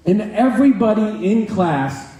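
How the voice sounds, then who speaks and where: A young American man doing stand-up comedy into a stage mic, animated and full of rhetorical asides. His voice sits high and mellow and jumps around with lively pitch. It rings out through a very echoey hall. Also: measured pace.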